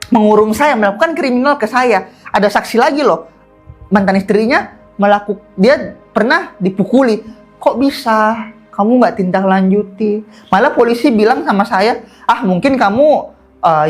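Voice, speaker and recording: Animated man telling his story. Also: high-pitched. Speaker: podcast guest. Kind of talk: casual storytelling.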